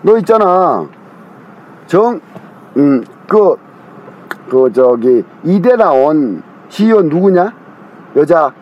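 A man's voice: a little high, very animated, slow pace, pauses often, slight background noise. A middle-aged man in a heated phone call with his younger brother, rambling, accusing and scolding him.

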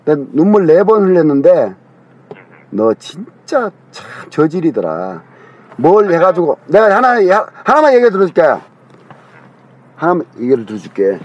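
A man's voice: on the high side, huge pitch swings, moderate pace, darkish tone. A middle-aged man in a heated phone call with his younger brother, rambling, accusing and scolding him.

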